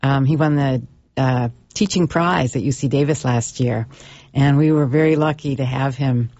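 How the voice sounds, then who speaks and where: A woman's voice: rumbling low, normal speed, mellow, dry recording. Hesitant woman instructor, dry lo-fi sound. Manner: hesitant, many ums. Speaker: university instructor. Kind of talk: radio interview.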